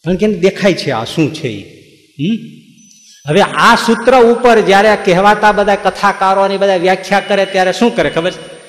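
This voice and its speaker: A man with a Gujarati accent giving a devotional scripture discourse as a swami, animated, with teasing asides and emphatic rebukes. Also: high-pitched, moderate pace. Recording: roomy hall reverb.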